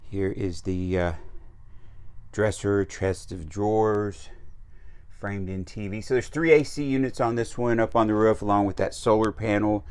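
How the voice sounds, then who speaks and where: Man, lower-pitched, casual RV tour narration, handheld camera mic indoors. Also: steady tone, a little slow, darkish tone, clean tone. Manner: easygoing, chatty, with frequent uh fillers and small restarts. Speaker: RV salesman giving a walkthrough tour. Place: inside a travel trailer. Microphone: handheld camera mic while walking.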